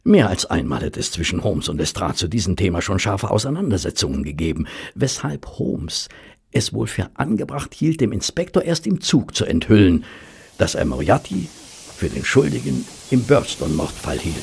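Radio drama: a loyal doctor-narrator, male, older, low gravelly voice, formal and measured. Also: big pitch swings, a little mellow, exaggerated voice. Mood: reflective. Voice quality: husky, gravelly. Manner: measured, formal, slightly hesitant. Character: Doctor Watson, male English detective's loyal companion and narrator. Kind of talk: German radio play narration and dialogue.

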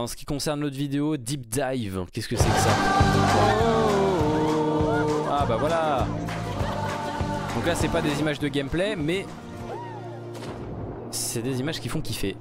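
Excited rambling man reacting to a game. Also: medium pitch, fairly quick, loud music behind the voice. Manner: excited, rambling, many fillers and restarts. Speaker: gaming YouTuber reacting to a trailer. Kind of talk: casual gameplay reaction commentary.

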